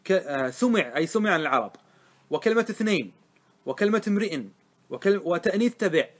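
A man teaching a classroom grammar lesson, explaining step by step and often asking his listeners if it is clear. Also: high-pitched, animated, fast talker. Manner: asks the class questions and answers them himself.

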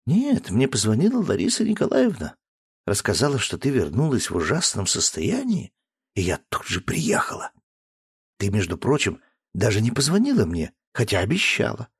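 A male narrator voicing a kind, gentle young woman visiting her friend. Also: medium pitch, wildly swooping pitch, normal speed, vocal fry, breathy edge, dry recording, studio quality, pitched above the performer's own voice, heavily acted.

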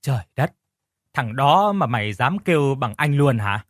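A man voicing a gruff, fatherly older village man who talks bluntly and bossily. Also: mid-range voice, big pitch swings, a little slow, no echo, studio quality. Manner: blunt, bossy, scolding. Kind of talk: audiobook character reading.

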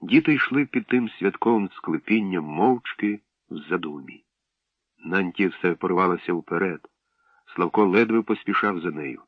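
A man with a low voice narrates a story in a measured, expressive way. The recording is dull and lo-fi, close and dry, with no room sound. He reads steadily and clearly. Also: no echo. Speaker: audiobook narrator.

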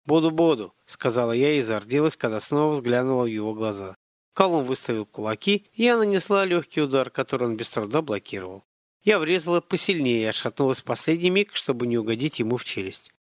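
A man's voice: mid-range voice, lively intonation, fast talker, dry recording. Man reading an audiobook, dry sound. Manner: first-person reading in a heroine's voice. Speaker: audiobook narrator. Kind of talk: audiobook narration.

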